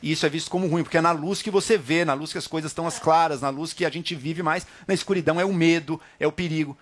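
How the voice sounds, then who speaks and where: Guy on a panel, kinda high voice, lecturing everyone. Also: fairly even intonation, fast. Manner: insistent, lecturing. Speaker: debate panelist. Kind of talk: heated panel debate.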